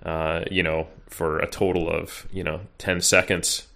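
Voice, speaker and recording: A man's voice: low voice, little pitch movement, a little slow, creaky, pushed and bright. A man in his thirties, a podcast guest, talking casually and rambling with many fillers and restarts. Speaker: podcast guest, bodybuilding coach. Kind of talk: casual interview chat.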